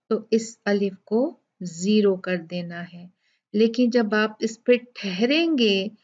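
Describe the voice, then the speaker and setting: A woman's voice: fairly high pitch, a little mellow, lo-fi sound. A woman teaching Quran recitation rules, explaining each point patiently and repeating examples. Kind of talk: tajweed lesson.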